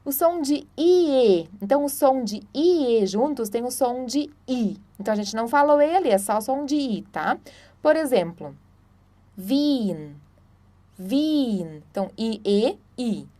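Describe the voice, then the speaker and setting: A woman teaches German pronunciation in a short online lesson. Her voice sits a little high, and she explains patiently, checking in with listeners often. She stretches out example words slowly and clearly. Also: expressive, warm tone. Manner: patient, explanatory, frequent "tá?" and "então"; slow, drawn-out model pronunciations.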